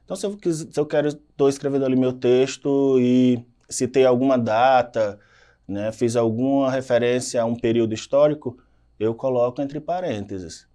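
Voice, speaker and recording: A man's voice: mid-range voice, moderate pace, warm tone. A man with a Brazilian Portuguese accent, teaching a recorded lesson and checking in with "tá?" and "né?" tags. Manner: explanatory, frequent "tá?" and "né?" tags.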